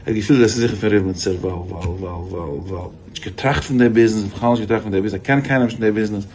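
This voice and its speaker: A man's voice: lowish voice, rapid-fire. A man, a rabbi, giving a storytelling sermon on faith, restarting phrases often and jumping his voice up for quoted people. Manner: animated, many repeated restarts, voice jumps up for quoted lines.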